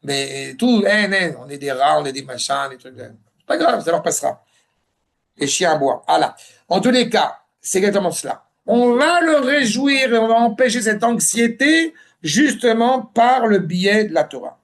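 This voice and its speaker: A man's voice: sits high, animated, normal speed, a bit bright. A man giving a religious lesson, reading Hebrew phrases and explaining them in French, repeating and rephrasing with emphasis. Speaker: religious teacher giving a Torah class.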